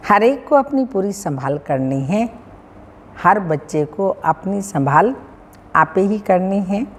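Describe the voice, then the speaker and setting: A woman with a North Indian Hindi accent reading a daily spiritual discourse as a teacher, in a measured, sing-song recitation with pauses and frequent throat-clearing. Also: medium pitch, expressive. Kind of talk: slow devotional reading of scripture. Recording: long hall reverb, faint room hum.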